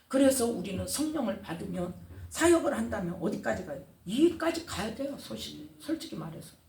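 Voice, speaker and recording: A woman pastor preaching a sermon, engaging the congregation with frequent questions and answers. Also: mid-range voice. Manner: animated preaching with call-and-response questions. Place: church sanctuary. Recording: roomy echo, distant mic, faint room noise.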